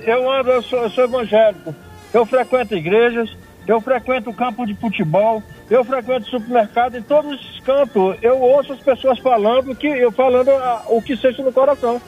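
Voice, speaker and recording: A man with a very high voice calls in to a radio program. His speech is halting and full of repeated words, yet he keeps insisting on his point. The line sounds muffled and lo-fi. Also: faint music behind. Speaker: caller. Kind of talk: radio call-in.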